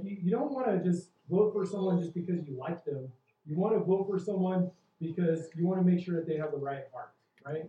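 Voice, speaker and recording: A man preaching a sermon as pastor, earnest and questioning the congregation, building in intensity. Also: on the high side. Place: church hall. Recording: roomy, distant, dull church recording.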